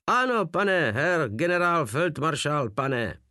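A man voicing a frightened soldier who rattles off hurried, stiffly formal replies, in an audiobook reading. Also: on the high side, expressive, a bit bright, no room sound, clean studio sound, voice pushed up. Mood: nervous. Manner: hurried, nervous military replies.

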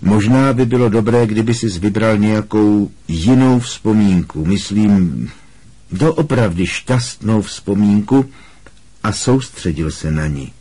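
A man reading as a gentle tired teacher. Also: lowish voice, husky. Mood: gentle, reassuring. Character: kind, tired male teacher, middle-aged and pale. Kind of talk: audiobook reading.

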